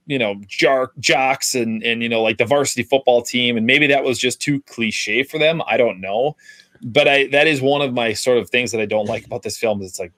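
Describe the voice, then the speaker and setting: A young man talks through a movie on a podcast in a loose, rambling way, circling back with fillers and restarts. His voice sits at an average pitch and sounds close and dry. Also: fairly bright tone, no echo. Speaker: podcast co-host. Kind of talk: casual film review chat.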